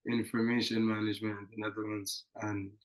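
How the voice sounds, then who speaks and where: A man's voice: lowish voice, level tone, brisk, rough recording. A young man from Nigeria, a student and podcast guest, giving a brief, plain introduction. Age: young adult.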